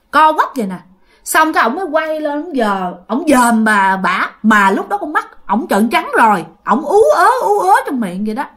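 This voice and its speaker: A woman's voice: high voice, a bit bright. A woman with a Southern Vietnamese accent telling a ghost story in a chatty way, addressing her listeners directly.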